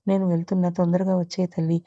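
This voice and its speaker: A woman's voice: lowish voice, flat delivery, racing, mellow, dry recording, highs cut off, close to an everyday voice. A woman voicing a kind elderly grandmother who speaks in a soothing, affectionate way. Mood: gentle.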